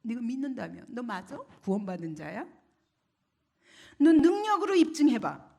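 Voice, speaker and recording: A scornful devil tempter, as a woman preacher puts him on, firing off jeering, mocking questions in a high, lively voice. The taunts swing up and down and never settle. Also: moderate pace, vocal fry, heavily acted.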